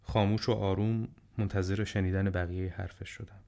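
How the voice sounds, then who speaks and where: A man narrating an audiobook in a steady, measured storytelling manner. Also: low-pitched, creaky.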